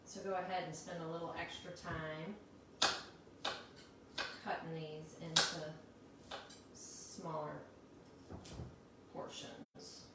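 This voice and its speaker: A woman's voice: low voice, level tone, slow pace, long pauses. Chatty woman in an echoey kitchen. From Missouri, United States. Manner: chatty, laughs often, explains steps warmly. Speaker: cooking show co-host. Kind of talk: casual cooking demonstration. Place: home kitchen. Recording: echoey kitchen, mic far off, loud kitchen noise.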